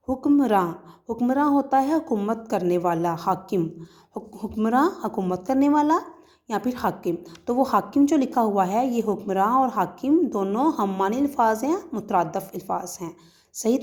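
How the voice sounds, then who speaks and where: A woman school teacher from Pakistan records a lesson for children, her voice on the high side, animated and darkish in tone. She patiently explains word meanings with frequent fillers and restarts, and recites poetry in a measured lilt.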